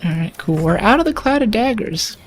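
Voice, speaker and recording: A woman's voice: medium pitch, sing-song, brisk, a little hiss or hum. A woman streamer talking casually through a video game, thinking aloud and chatty. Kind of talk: casual gameplay commentary.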